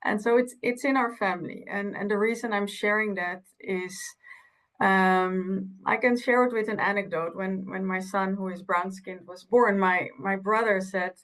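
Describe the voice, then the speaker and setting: A woman's voice: medium pitch, steady tone, moderate pace, a bit bright, poor audio. Dutch-born woman speaking on a video call. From Netherlands. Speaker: panelist, researcher. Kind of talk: personal spoken reflection.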